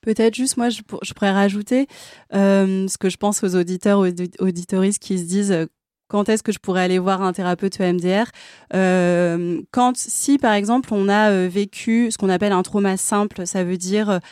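A woman therapist, a guest on the panel, explaining therapies in a measured way with frequent hesitations. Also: medium pitch, fairly even intonation, a little mellow, smooth, dry recording, clean studio sound. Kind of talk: explanatory discussion.

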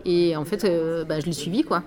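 A woman's voice: on the low side, normal speed, over music. A French woman artist talking about her work in a casual conversation, hesitant, with many fillers. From France. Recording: crowd chatter behind.

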